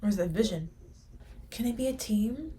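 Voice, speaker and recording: A woman hosts a casual reaction video, speculating aloud to her viewers and excitedly gasping and exclaiming at the screen. Her voice is medium-pitched at a moderate pace, with slight background noise.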